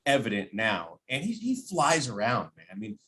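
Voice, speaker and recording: A medium-pitched man with a fairly bright tone and huge pitch swings breaks down basketball at a moderate pace. He's a sports radio play-by-play announcer appearing as a podcast guest, chatting casually but emphatically, repeating phrases for emphasis and voicing imagined quotes.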